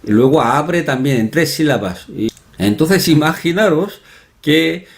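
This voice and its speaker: A man's voice: a little high, lively intonation, measured pace. A man teaching an online language lesson, explaining patiently and repeating example words several times, with chatty asides. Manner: chatty asides, often asks "¿no?".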